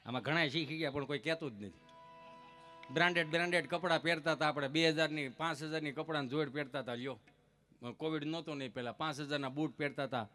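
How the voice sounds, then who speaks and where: High, bright-voiced comic storyteller. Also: male voice, quick pace, faint music behind. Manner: lively, teasing delivery with punchy repetition. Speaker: stage comedian. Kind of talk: comic folk storytelling on stage.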